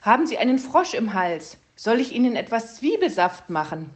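A woman's voice: fairly high pitch, sing-song, normal speed, pitched above the performer's own voice. A woman reading a storybook and voicing a chatty, nosy female magpie who talks on and on. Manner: talks on and on, fussy.

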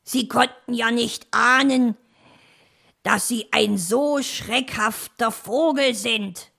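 A woman's voice: fairly high pitch, slow pace, vocal fry, sharp tone, voice pushed up, full character voice. A woman voicing a kindly, good-humoured male fox in a children's audio story, chuckling and easygoing. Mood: jovial.

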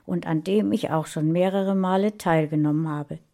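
Calm low-voiced woman reading a story. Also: normal speed, gravelly. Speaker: author reading her story. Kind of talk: storybook narration.

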